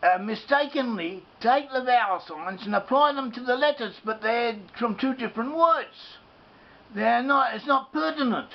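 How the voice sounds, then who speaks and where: A man giving an unscripted religious lesson, halting and repeating himself, slowly spelling out letters. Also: very high voice. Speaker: religious teacher. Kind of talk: unscripted explanatory lecture. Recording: dull lo-fi recording with faint hiss.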